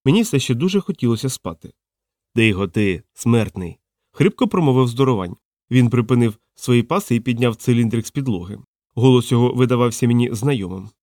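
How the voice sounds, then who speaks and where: Guy reading an audiobook, mid pitch, dry close sound, lively. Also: fast talker, dry recording. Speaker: audiobook narrator.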